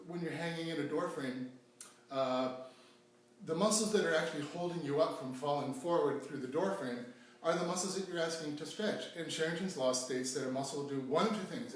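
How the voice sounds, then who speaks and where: Halting man demonstrating stretches in an echoey room. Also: on the high side. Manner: explanatory, halting with frequent restarts and fillers. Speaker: stretching instructor. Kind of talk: home workout demonstration. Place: home room during self-isolation. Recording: echoey room, mic at a distance, faint hum.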